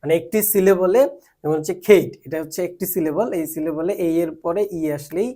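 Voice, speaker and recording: A young man answering as a student in a lesson, speaking quietly and repeating the teacher's words back. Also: fairly high pitch, fairly quick.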